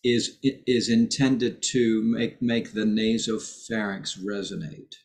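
A man's voice: lowish voice, steady tone, slow, darkish tone. A man leading a choir's voice lesson over a video call, explaining technique patiently and stopping to sing examples. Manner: patient, explanatory, with sung demonstrations. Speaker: choir director and voice teacher. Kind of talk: online rehearsal vocal instruction.

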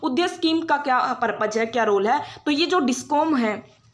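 A young woman with a Haryanvi Hindi accent gives an exam-prep lecture in a high, light voice. She explains patiently and restates each idea in simpler words. She often pauses on fillers and restarts her sentences as she goes. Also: animated. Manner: explanatory, repeats herself, frequent fillers and restarts, mixes English terms. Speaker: teacher.

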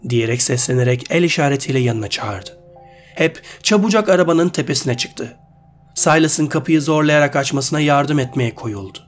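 A man reading a short fantasy story aloud in a steady, measured way. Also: a little high.

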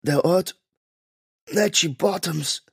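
A man voicing a dying older father who speaks weakly and haltingly in an audiobook. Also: a little high, fairly bright tone, dry recording, studio quality, pitched above the performer's own voice, heavily acted. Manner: weak, halting, breathy.

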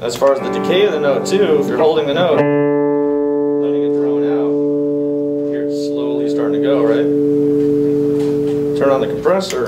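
A middle-aged man explains guitar effects in a relaxed, chatty way, talking into a handheld mic on a music store floor. The sound is roomy and heard from a distance. Guitar playing rings out behind him. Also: fairly high pitch. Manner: casual and explanatory, pausing to play examples. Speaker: guitar clinic presenter. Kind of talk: live demonstration talk. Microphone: handheld microphone.

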